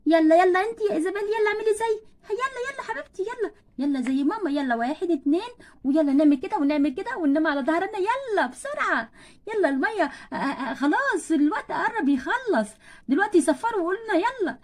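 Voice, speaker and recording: A woman's voice: extremely high pitch, lively intonation. A woman with an Egyptian Arabic accent voicing a bossy, stubborn young doll mother in a toy role-play story. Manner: scolding, quick-tempered.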